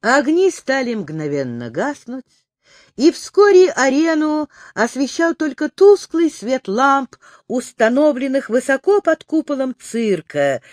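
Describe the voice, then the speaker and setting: A man narrating a children's book in an expressive storytelling manner. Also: very high-pitched, unhurried, no echo, studio quality. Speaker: audiobook narrator.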